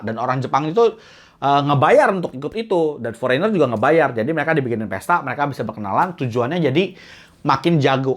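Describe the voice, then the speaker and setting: A man, casually explaining dating tips in a chatty, slangy way. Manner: slangy, chatty, jumps between high excited bits and low asides. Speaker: vlogger giving dating tips.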